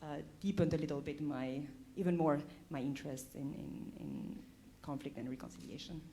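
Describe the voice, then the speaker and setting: Low-voiced woman from Albania. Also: moderate pace, warm tone, slight background noise. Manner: hesitant, many fillers. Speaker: panel guest researcher. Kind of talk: panel discussion.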